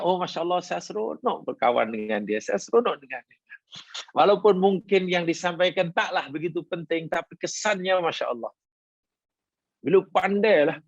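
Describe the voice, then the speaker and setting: A man giving a hadith lesson as a religious teacher, in a measured, explanatory way with rising emphasis. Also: on the high side, breathy edge, no echo. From Malaysia.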